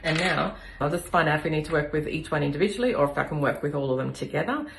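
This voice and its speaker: A middle-aged woman with a cold, calmly explaining and demonstrating a kinesiology balance on herself. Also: low voice, vocal fry. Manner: calm, explanatory, counts slowly. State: has a cold. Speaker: kinesiology practitioner. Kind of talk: demonstration with instruction. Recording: echoey room.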